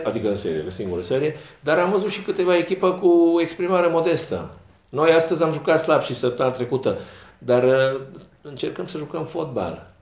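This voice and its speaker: A man's voice: mid-range voice, darkish tone. A man speaking as a football coach at a post-match press conference, frank and self-critical. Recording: roomy echo.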